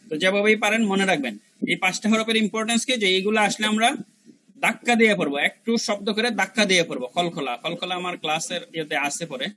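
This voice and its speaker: High, bright-voiced man teaching recitation. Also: low-quality recording. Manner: demonstrates syllables by repeating them slowly; colloquial, mixes in English words. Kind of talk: online review class teaching Arabic letter pronunciation.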